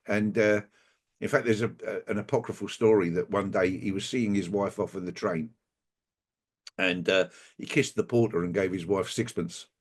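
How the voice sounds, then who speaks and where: Halting, wry man, lowish voice. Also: fairly even intonation. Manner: halting, wry anecdotal storyteller. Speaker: guest. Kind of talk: conversational interview.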